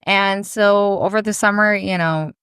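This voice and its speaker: A woman's voice: mid-range voice, fairly even intonation, unhurried, clear, resonant tone, dry recording, studio quality. A woman in her thirties from Brazil, a podcast guest and business owner, talking in a rambling, friendly way. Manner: rambling, warm, full of "you know" fillers. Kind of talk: casual interview chat.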